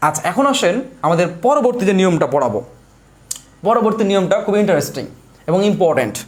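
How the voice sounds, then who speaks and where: A man's voice: high-pitched, big pitch swings, quick pace. A young man giving a live online lesson, explaining step by step while he writes, repeating points and asking questions he answers himself. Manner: repetitive, asks questions and answers them himself. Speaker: exam prep teacher.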